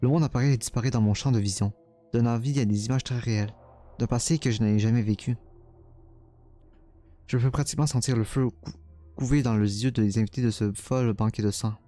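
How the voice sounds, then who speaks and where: A man's voice: medium pitch, fairly even intonation, a little fast, warm tone, faint music behind, lightly acted. A man reading a game's first-person narration as a tormented young man, dramatic and stumbling over words now and then. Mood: anguished.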